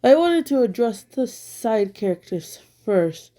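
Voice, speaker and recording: With a voice on the high side, big pitch swings, a slow pace and a warm tone, a woman gives blunt, critical opinion commentary from home. She's an online commentator, a little sick with her throat still bothering her, and uses many fillers.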